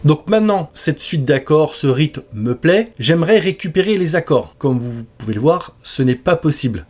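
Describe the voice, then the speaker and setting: A man giving a relaxed step-by-step music software tutorial with casual fillers. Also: a little high, moderate pace. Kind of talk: screen-recorded software tutorial.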